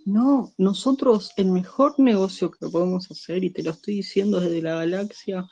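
A woman's voice: mid-range voice, normal speed, creaky, warm tone, lo-fi sound. A brash, joking woman with an Argentine accent, co-hosting a podcast in crude casual chat. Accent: Argentine Spanish. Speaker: podcast co-host.

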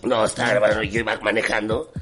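A man's voice: on the low side, fast talker. A man with a Mexican accent, a podcast host in casual chat, telling a story and acting out the voices of the people in it. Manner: animated storyteller who acts out the voices of people in his stories.

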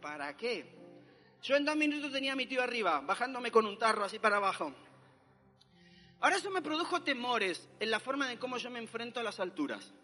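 A man's voice: very high-pitched, big pitch swings, fast talker, bright, forceful tone, in a large hall, soft background music. A young man, animatedly telling a dramatic personal testimony. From Argentina.

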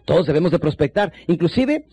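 A man teaching sales techniques, shifting between quick bursts and low, slow emphasis while speaking straight to the listener. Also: big pitch swings, gravelly, dark tone, breathy edge, dry recording. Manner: addresses listener directly as compañero. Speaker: sales trainer. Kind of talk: recorded sales seminar lesson.

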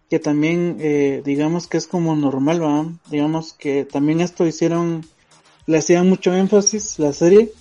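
Mellow-voiced man, dull lo-fi podcast audio. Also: on the high side. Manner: thoughtful, pauses with fillers, tags "¿va?". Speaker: podcast co-host. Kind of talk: casual opinion chat. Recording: dull lo-fi audio with faint music.

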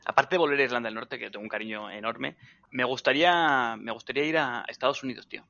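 A man chatting excitably on a podcast, casually swearing. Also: medium pitch, fast, vocal fry. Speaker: podcast co-host. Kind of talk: casual chat. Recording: dull lo-fi sound.

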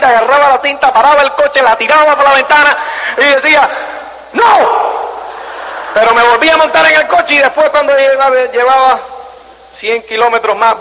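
A man giving a lively motivational talk to an audience, acting out little scenes and repeating lines for emphasis, asking the listeners questions. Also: extremely high pitch. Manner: animated storytelling, acts out scenes and voices. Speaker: motivational speaker. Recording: long hall reverb, faint noise.

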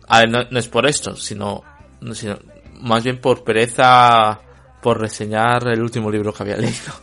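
Speaking at a normal speed in a level, gravelly voice of ordinary middle pitch, a man from Spain with a Spanish accent reviews a book casually. He's hesitant and full of fillers and restarts, yet bluntly critical and dismissive. Faint, quiet music plays behind him.

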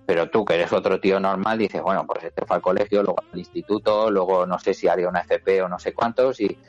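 A man with a Spanish accent talking casually on a podcast in a low voice, rambling and doubling back on his words. The recording sounds dull and lo-fi, with faint music underneath. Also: steady tone, fast talker. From Murcia, Spain; raised in Madrid. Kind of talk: casual chat.

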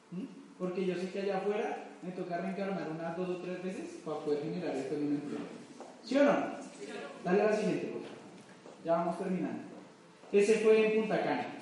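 A man's voice: high voice, darkish tone, slight background noise. A man with a Colombian accent giving a motivational talk to a live audience, asking rhetorical questions and telling folksy stories. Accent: Colombian Spanish. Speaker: motivational speaker at a business event. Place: large echoey event hall. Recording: echoey hall from far off.

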